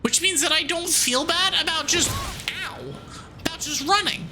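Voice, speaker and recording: A woman's voice: very high voice, moderate pace, background noise. A woman livestreaming a game and chatting to viewers in a cute, bubbly anime-streamer manner, playful and mock-bossy. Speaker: streamer, VTuber.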